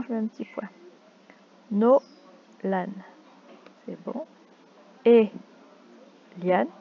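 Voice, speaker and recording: A woman teaching young children in a slow, deliberate way, stretching out key words and syllables. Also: on the high side, dull audio, slight background noise.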